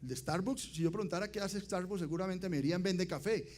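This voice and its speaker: A man giving a motivational conference talk, asking the audience rhetorical questions and swinging between loud emphasis and quiet, dropped endings. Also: high voice, quick pace, a little hiss or hum. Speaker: conference speaker.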